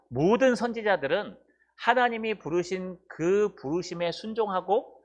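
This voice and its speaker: A man preaching a sermon in a church, animated and full of rhetorical questions to the congregation. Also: sits high. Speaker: pastor. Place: church sanctuary. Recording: dull lo-fi church recording.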